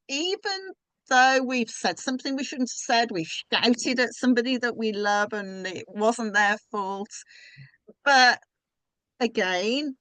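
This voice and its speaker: A woman in a casual podcast conversation, reflecting on her experiences and offering gentle self-help advice. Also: on the high side, no room sound, rough recording.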